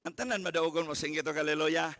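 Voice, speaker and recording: A man in his seventies preaching a sermon as pastor, swinging from hushed murmurs to shouted exclamations and calling out for hallelujahs. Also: on the high side, steady tone, fast talker, noisy background. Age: 70s. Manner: calls for hallelujahs, mixes English phrases into preaching.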